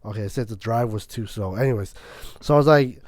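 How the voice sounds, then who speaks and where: A man's voice: on the low side, quick pace, a little mellow, no echo, studio quality. A young man co-hosting a podcast, telling a long story in casual chat, rambling, swearing and acting out both sides of an argument. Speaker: podcast co-host.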